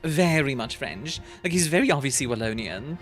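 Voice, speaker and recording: With faint music playing, a streamer reads her live chat and chats casually, her very deep voice expressive and her pace moderate. She is from Belgium and speaks English with a British-leaning accent. Her manner is bubbly and giggly, thick with fillers.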